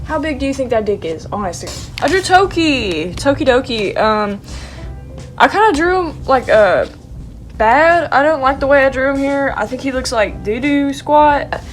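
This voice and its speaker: With soft music underneath, a congested young woman in her twenties sniffles through a playful, slang-heavy vlog chat about her sketchbook. Her voice is high-pitched and expressive, moving at a normal speed.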